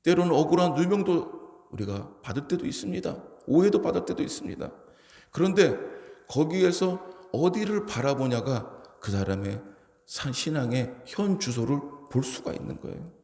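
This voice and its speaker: Gravelly-voiced male pastor in echoey hall. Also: on the high side, animated, normal speed, darkish tone. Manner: preaching with rising emphatic exhortations. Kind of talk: sermon. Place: church sanctuary.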